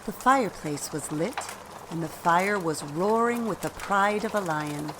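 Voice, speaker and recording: Narrating a radio play, this woman uses a fairly low voice and a deliberate, expressive storytelling style, with a little noise faintly present behind her.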